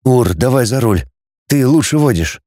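A man plays a terse teenage boy in a storybook, grim and commanding. He keeps it curt and clipped, close to his own mellow voice. The sound is dry and close. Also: mid-range voice, animated, moderate pace, no room sound, lightly acted.

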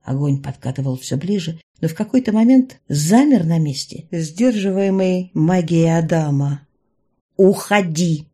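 Female audiobook narrator, first-person, husky, animated delivery. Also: low-pitched, moderate pace, hardly any pauses.

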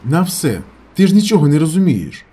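A man's voice: fairly high pitch, big pitch swings, fairly quick, dark tone, slightly rough, pitched above the performer's own voice. A man doing a pushy eccentric airfield mechanic. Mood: insistent.

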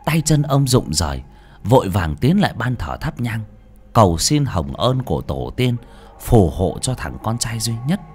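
A man narrating a ghost story as an audiobook, with an expressive, suspenseful delivery. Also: fairly low pitch, measured pace. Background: faint music.

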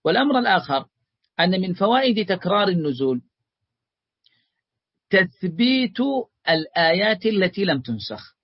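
A man's voice: high voice, big pitch swings, normal speed, long pauses, no echo, muffled recording. A man teaching a religious lesson, explaining a text and calling his students his beloved ones.

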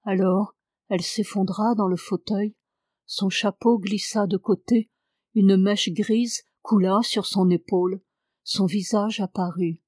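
A woman reading a novel aloud in measured, steady narration. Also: mid-range voice, no room sound. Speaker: audiobook reader.

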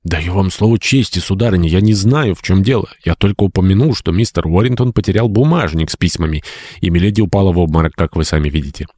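An earnest, simple-hearted chaplain speaks in a flustered rush, played by a male reader with a deep, low voice. The audiobook recording is dry and close. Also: fast, darkish tone, dry recording. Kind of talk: audiobook character reading.

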